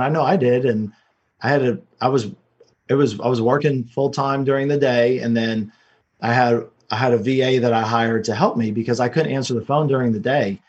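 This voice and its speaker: A man's voice: mid-range voice, slightly rough, lo-fi sound. A man speaking as an interview guest, telling his own story in a casual, unpolished, loosely rambling way. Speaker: podcast guest, real estate investor.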